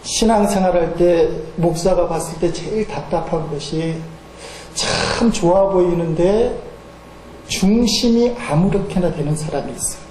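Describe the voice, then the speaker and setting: A male pastor tells folksy anecdotes in a sermon, sprinkling in fillers and acting out the voices of the people in his stories. His voice sits high for a man. It rings through a reverberant church hall over faint room noise. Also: a little slow, a little mellow. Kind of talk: sermon with storytelling. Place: church sanctuary.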